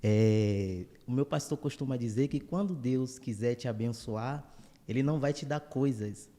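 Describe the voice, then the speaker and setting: Man in his twenties, guest preacher, mellow dark tone, hall reverb. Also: medium pitch, normal speed. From Salvador, Bahia, Brazil. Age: 20s. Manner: warm, grateful churchly greetings. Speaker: guest preacher, church elder. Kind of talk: casual interview talk.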